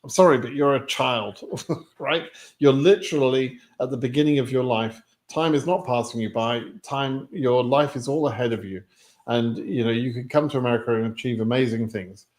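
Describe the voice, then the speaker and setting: A man's voice: medium pitch, moderate pace. A British man in his sixties hosting a live stream, answering viewer questions in a frank, rambling way with many restarts. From United Kingdom. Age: 60s. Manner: rambling, frequent ums and restarts, frank and plainspoken. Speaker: immigration lottery advisor hosting a live stream.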